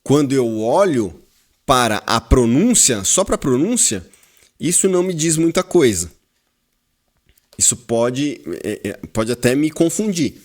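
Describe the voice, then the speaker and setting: A man with a Brazilian Portuguese accent teaching a class, explaining slowly and repeating words while quizzing his students. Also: mid-range voice, very animated. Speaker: Hebrew teacher. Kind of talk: classroom lesson.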